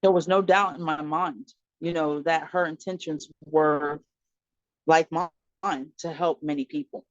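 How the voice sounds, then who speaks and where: An animated woman guest telling her own story, jumping into the voices of the people she quotes and laughing along the way. The sound is dull and lo-fi, like remote call audio. The room is dry and close, with no echo. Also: low voice, unhurried. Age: adult mother of four. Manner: frequent laughter and fillers. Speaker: podcast guest. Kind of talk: personal storytelling in conversation.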